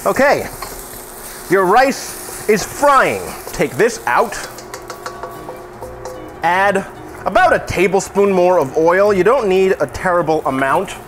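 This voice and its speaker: A man's voice: high voice, sing-song, slow pace, pauses often, music in the background. A drunk man giving a casual cooking tutorial, rambling and tossing in joking, self-deprecating asides while he works. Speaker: cooking video host. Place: home kitchen while cooking. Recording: sizzling pan and kitchen noise.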